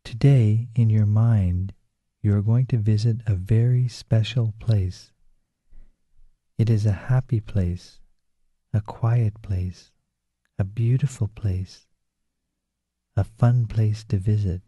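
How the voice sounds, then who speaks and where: A man reading a guided relaxation script in a slow, soothing, calm way. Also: on the low side, slightly rough, dry recording. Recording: dull lo-fi recording.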